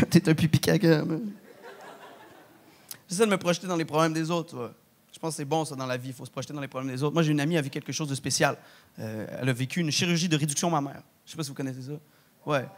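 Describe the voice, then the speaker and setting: Slangy Québécois comedian, high voice. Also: male voice, rapid-fire. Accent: Québécois French. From Quebec. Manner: slangy and animated, peppered with Quebec swears. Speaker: stand-up comedian. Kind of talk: stand-up comedy set. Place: large theatre stage with live audience.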